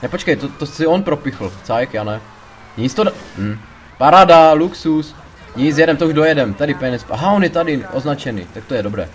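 A man giving casual gameplay commentary, excitable, swearing a lot and panicking loudly when things go wrong. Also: fairly high pitch, a little hiss or hum. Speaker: let's play gamer.

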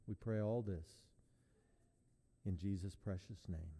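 A man serving as pastor, leading a sermon and communion in a measured, prayerful cadence, his voice ringing with a long echo in a large church. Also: low voice, warm tone. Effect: long echoing church reverb. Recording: long reverb in a large hall.

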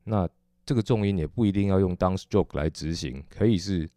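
A man with a Taiwanese Mandarin accent teaching drumming technique, explaining patiently and methodically with frequent soft "oh" fillers. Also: low-pitched, a little fast. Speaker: drum teacher. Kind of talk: instructional explanation.

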